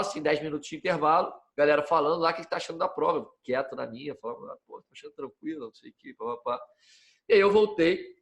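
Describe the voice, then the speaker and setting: A young man with a Brazilian Portuguese accent, casually telling his own story on a podcast in a relaxed, slangy way, often checking in with the listener. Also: on the high side. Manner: relaxed, slangy, frequent tag questions.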